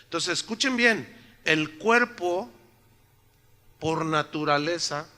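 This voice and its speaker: Bright-voiced pastor preaching. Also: male voice, a little high, lively intonation, takes it slowly. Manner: joking, folksy, asks the congregation questions. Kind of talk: sermon.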